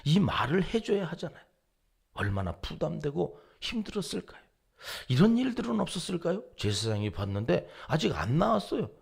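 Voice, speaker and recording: A male pastor giving an early-morning sermon, dramatic, dropping to hushed whispers and rising to loud emphasis. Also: a little high, very animated, brisk, creaky, breathy edge. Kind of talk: dawn service sermon.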